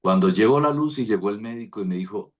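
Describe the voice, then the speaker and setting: A man's voice: fairly low pitch, expressive, fast. A man, a pastor, telling a rambling devotional testimony over a video call. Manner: rambling storytelling with restarts.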